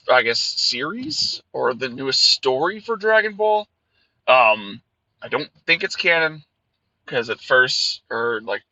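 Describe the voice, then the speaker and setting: A man talks loosely and rambles, with plenty of fillers. His voice is bright and forceful, but it comes through with a tinny, tin-can sound. The dull, lo-fi audio was recorded in a car while he drives. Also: medium pitch. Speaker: anime reviewer. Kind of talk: rambling casual episode review.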